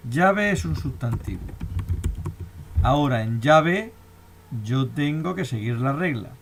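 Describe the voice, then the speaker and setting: A man's voice: mid-range voice, animated, slow, vocal fry, a little hiss or hum. A man with a Spanish accent explaining a grammar lesson step by step, often asking if the class has understood. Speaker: teacher. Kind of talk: recorded lecture.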